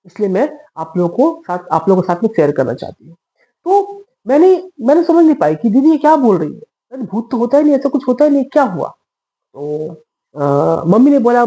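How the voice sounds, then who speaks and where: A woman's voice: mid-range voice, mellow, rough recording. A woman telling a personal story in casual conversational style, chatty with fillers and asides to her listeners.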